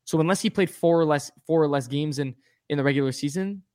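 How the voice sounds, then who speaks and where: A man's voice: fairly high pitch, fast, darkish tone, no room sound, studio quality. A man co-hosting a sports podcast, chatty and jokey in casual conversation. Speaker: podcast co-host.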